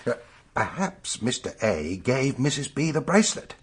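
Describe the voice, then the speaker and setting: An actor playing a brisk, methodical British police superintendent in a radio drama, speaking formally. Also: male voice, medium pitch, very animated, husky. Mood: reasoning. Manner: reasoning, formal.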